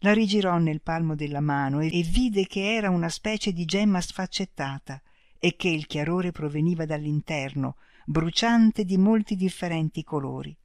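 A narrator reading a story in a calm, measured audiobook style. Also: medium pitch, no echo, studio quality.

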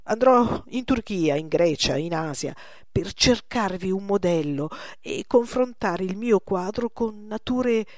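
A woman's voice: medium pitch, lively intonation, measured pace, dry recording, clean studio sound, natural voice. A woman doing an anguished old master painter. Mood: troubled. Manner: exclaiming, impassioned.

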